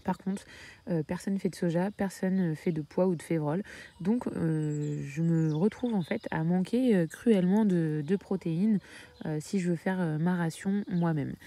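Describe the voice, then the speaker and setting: A woman's voice: fairly low pitch, normal speed, warm tone. A woman from France talking casually about her hens in a homestead vlog, hesitating often with filler sounds. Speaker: backyard poultry keeper.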